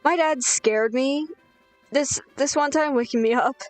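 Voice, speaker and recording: A woman's voice: sits high, a little slow. Young woman rambling over game music. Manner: rambling, sweary, self-deprecating. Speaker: gaming streamer. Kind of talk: casual storytelling while gaming.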